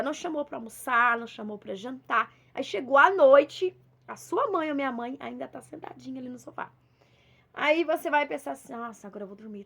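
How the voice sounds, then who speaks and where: A high-voiced woman with a Minas Gerais accent gives a relaxed devotional talk. She speaks in a chatty, storytelling way and slips into little acted exchanges as she goes. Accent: Minas Gerais Portuguese. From Minas Gerais, Brazil. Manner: conversational, storytelling with acted dialogue. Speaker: preacher.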